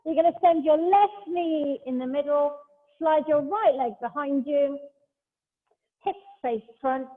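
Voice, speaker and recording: A high-voiced woman talks a Pilates class through each move, calm and step by step, chatting between cues. Her voice rings with a long hall echo and comes through a thin, phone-like line. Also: measured pace. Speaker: Pilates instructor. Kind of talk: guiding an exercise class. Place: large hall, class streamed over a video call.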